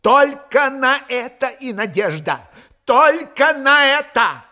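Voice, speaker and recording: A man's voice: high-pitched, big pitch swings, normal speed, bright, forceful tone, exaggerated voice. A man voicing a weary former officer who speaks plaintively and with resignation. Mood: resigned.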